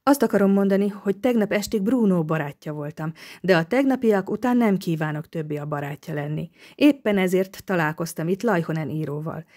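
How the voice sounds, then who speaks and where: A woman's voice: fairly low pitch, lively intonation, a little mellow. Woman reading as a proud, nervous young lady. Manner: haughty then flustered. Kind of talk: audiobook reading.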